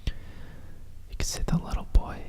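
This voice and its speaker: Slow whispered bedtime story, right in your ear. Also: distant mic. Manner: soft breathy whisper, unhurried and soothing. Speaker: storyteller reading a picture book aloud with asides.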